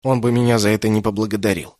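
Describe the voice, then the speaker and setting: A man's voice: on the low side, little pitch movement, fast, darkish tone, no echo, close to an everyday voice. Male reader doing a cocky, defiant young prisoner; sarcastic, dry. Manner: insolent, mocking, defiant. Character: defiant young male captive, mocking and stubborn. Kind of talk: audiobook character reading.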